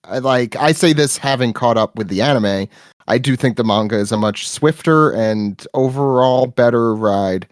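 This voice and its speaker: A man talking as a guest on a casual podcast, eager and quick to restart his sentences as his voice climbs when he gets excited. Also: mid-range voice, no room sound, studio quality.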